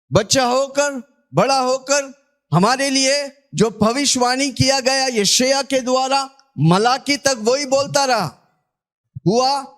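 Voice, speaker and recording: A man from India preaching a sermon as pastor, calling on the congregation to shout answers back and repeating scripture after a reader. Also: very high voice. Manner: call-and-response preaching, urging listeners to shout back.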